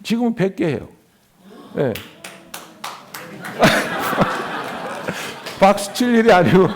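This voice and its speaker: A man's voice: high-pitched, very animated, very slow, slight background noise. A middle-aged male pastor giving a sermon, moving between solemn preaching and casual, chatty stories. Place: church sanctuary.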